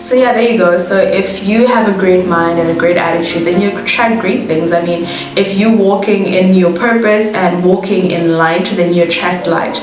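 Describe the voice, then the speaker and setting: A South African woman in her twenties, a chatty vlogger, does a casual get-to-know-me chat with bubbly asides, laughing at herself. Her voice is fairly low and her pace normal. The room is very echoey, with background music playing underneath.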